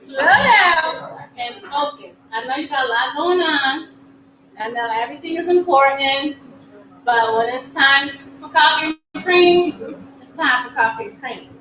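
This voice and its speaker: High-voiced woman co-hosting, laughing often. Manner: laughing, playful, halting restarts. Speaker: co-host. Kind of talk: casual group conversation. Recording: roomy, distant mic with background noise.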